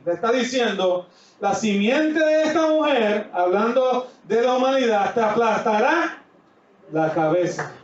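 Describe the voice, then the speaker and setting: A high-voiced man with a Puerto Rican accent delivers a sermon in a church. He moves between emphatic, drawn-out scripture reading and quieter asides. The recording is distant, roomy and dull. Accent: Puerto Rican Spanish. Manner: swings from loud preaching to quiet asides. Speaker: pastor. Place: church sanctuary.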